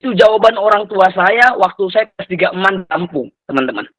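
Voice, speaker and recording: Earnest and expressive, a young Lampung man in his twenties delivers a quick-paced motivational talk to an online community, repeating himself and weaving in Islamic religious phrases. His voice sits high and bright, captured in a rough, close, dry recording with no echo.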